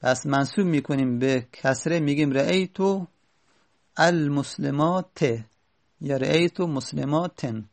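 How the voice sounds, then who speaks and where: Gravelly man teaching grammar patiently. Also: on the high side. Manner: patient, repeats key points with stress. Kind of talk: Arabic grammar lesson.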